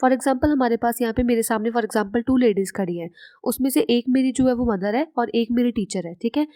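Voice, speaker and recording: A woman's voice: a little high, dark tone, no echo. Woman teaching a science lesson. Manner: explains slowly, asks and answers her own questions; mixes English terms into Hindi. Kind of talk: classroom lecture.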